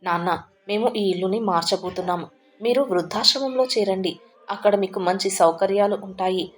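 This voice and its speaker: A woman's voice: medium pitch, normal speed, close to an everyday voice. A woman voicing an impatient grown son who speaks to his old father in a curt, irritated way.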